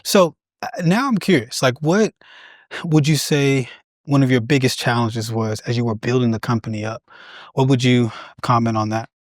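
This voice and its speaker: A man's voice: mid-range voice, moderate pace, no echo, studio quality. A man hosting an interview podcast, upbeat and friendly with short affirmations. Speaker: podcast host.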